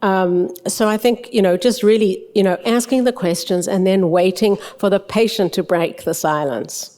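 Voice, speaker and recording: Older woman, mellow tone, frank conference speaker, conversational answers, long room reverb. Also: medium pitch, normal speed. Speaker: conference presenter. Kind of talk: answering audience questions, informal talk. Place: large hotel ballroom stage. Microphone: podium microphone.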